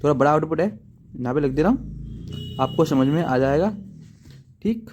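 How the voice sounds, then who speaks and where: Chatty man teaching coding, dark voice. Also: on the high side, lively intonation, normal speed, a little hiss or hum. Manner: chatty, repeats "ठीक है दोस्तों" often; self-deprecating asides to viewers. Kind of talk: casual tutorial explanation. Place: at home writing in a notebook.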